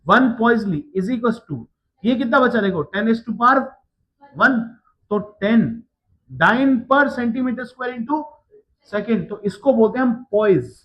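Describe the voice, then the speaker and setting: A man teaching a physics lecture, working slowly through the steps and often checking that his students follow. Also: high voice, expressive, dull audio. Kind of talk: classroom lecture.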